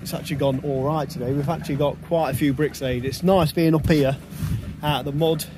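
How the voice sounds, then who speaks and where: A man's voice: fairly high pitch, fairly even intonation, background noise. A young man, a bricklayer, talking casually about his work for a vlog, recorded outdoors on a building site. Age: young adult. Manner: quick, plain-spoken site talk.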